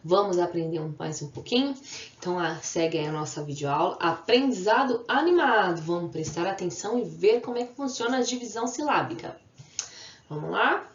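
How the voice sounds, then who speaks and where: A woman's voice: lowish voice, a little fast. A woman teacher, giving a video lesson to children, patiently drawing out example words and answering her own questions. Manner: asks the class questions and answers them. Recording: echoey room, slightly dull sound.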